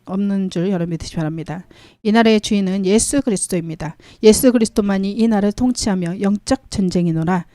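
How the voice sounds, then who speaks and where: A woman's voice: mid-range voice, darkish tone, dry recording, clean studio sound. A woman preaching a church sermon, reading scripture aloud and asking the congregation questions, with frequent hallelujahs.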